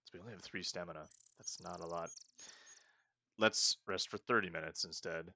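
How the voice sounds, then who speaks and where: Playing a roleplaying game, a young man who hosts let's-plays talks through his thoughts in a chatty, self-mocking way, joking when he slips up. He speaks at a moderate pace in a low-pitched, steady and sharp voice.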